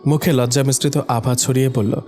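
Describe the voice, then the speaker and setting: A man narrating a romantic audio story in a scripted, even reading voice. He voices the couple's lines himself with small shifts of voice, and soft music runs faintly under him. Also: medium pitch, brisk. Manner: reads all the characters himself with small voice shifts.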